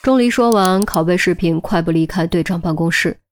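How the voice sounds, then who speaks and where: A woman reading a crime audiobook in a steady storytelling manner. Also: fairly low pitch, a little fast, a little hiss or hum. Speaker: audiobook narrator. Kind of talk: scripted audiobook narration.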